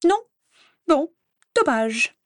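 A woman's voice: high voice, big pitch swings, extremely slow, no echo, clean studio sound, pitched above the performer's own voice, exaggerated voice. A woman voicing a brash, pushy young female gossip reporter with a thin, reedy voice. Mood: gushing.

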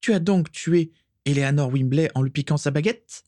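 A man's voice: high voice, wildly swooping pitch, brisk, warm tone, breathy edge, no echo, clean studio sound, pitched above the performer's own voice, exaggerated voice. A man reading a storybook aloud, voicing a mocking, cruel adult witch in a sneering tone.

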